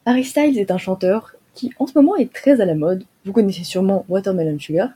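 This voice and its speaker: A woman's voice: medium pitch, fast, dark tone, slightly rough. A teenage girl presenting a scripted music column for a school radio show, joking and mocking herself, and turning mock-dramatic when she gets sad. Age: teens.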